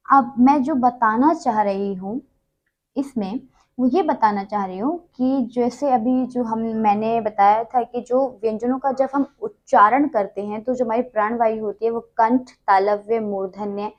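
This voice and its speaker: A woman with a fairly high voice teaches a grammar lesson at an unhurried pace. She explains patiently, saying each consonant slowly and on its own, and she often puts in small filler words. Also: muffled recording. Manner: uses many fillers.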